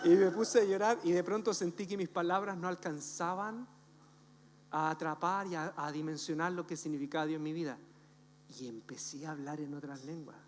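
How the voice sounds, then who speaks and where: A man's voice: fairly high pitch, moderate pace. A man preaching a humorous sermon as pastor, telling stories with jokes and acting out the voices of the people in them. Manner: animated storytelling, jokes, acts out voices. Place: church hall. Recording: church hall reverb, faint hum.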